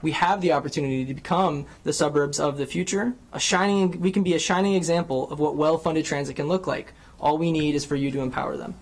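A young man seated in a large council chamber, giving earnest prepared testimony into a desk microphone, often pausing on ums and uhs. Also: a little high, fairly even intonation. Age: young adult. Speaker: public hearing speaker, bus rider. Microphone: desk microphone on a stand.

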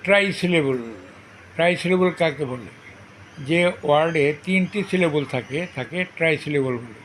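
A man teaching a grammar lesson, repeating each definition slowly and spelling words out syllable by syllable, with faint noise behind him. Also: on the high side, fairly bright tone, rough recording. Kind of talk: slow dictation-style grammar lesson.

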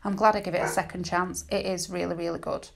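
A woman's voice: on the low side, flat delivery, fast talker, vocal fry. A British woman giving a casual, chatty voice-over tutorial as a nail technician, candid and rambling, often interrupting herself. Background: dogs barking at times.

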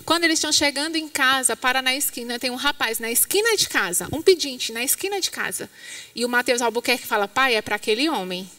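A woman's voice: high voice, quick pace, no echo. A woman with a Brazilian Portuguese accent preaching at a church conference, telling a story and acting out the people in it. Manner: acts out quoted voices in a lively storytelling way. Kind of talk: sermon with storytelling. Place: church hall. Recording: dry sound, from somewhat far from the mic.

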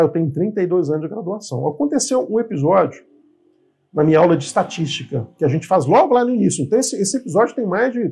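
A man's voice: sits high, creaky, mellow, slightly rough. A man in his fifties from Brazil, an appraisal instructor giving an informal online lesson, asking and answering his own questions. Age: 50s. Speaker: real estate appraisal instructor.

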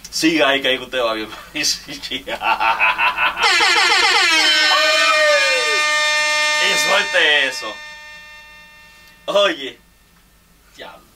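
A man's voice: mid-range voice, lively intonation, takes it slowly, pauses often, very noisy. A man with a Dominican Spanish accent jokingly roasting fellow artists in a rambling, laughing monologue. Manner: teasing, rambling, laughs often. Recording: distant mic with faint ambience.

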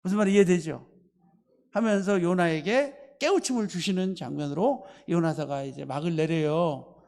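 Korean pastor guy preaching, kinda high voice, acts out the story, big church echo. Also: moderate pace, gravelly. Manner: animated storytelling, acting out the figures' lines; calls on the congregation to repeat after him. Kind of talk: sermon. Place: church sanctuary.

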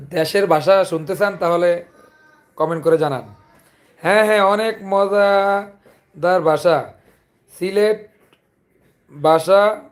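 A man from Chandpur, Bangladesh, with a Chandpur Bengali accent, hosting a casual livestream and chatting with viewers. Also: high voice. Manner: chatty, greets viewers and asks for comments. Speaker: livestream host. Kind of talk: casual live chat with viewers.

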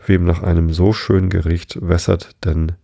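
A man voicing a melancholy male mock turtle who sings a slow, mournful song about soup. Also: low voice, little pitch movement, vocal fry, mellow, no echo, studio quality.

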